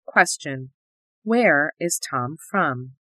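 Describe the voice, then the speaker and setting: A woman reading an English listening test in a slow, carefully enunciated way. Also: deep voice, lively intonation, pushed and bright, no echo. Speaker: test audio reader.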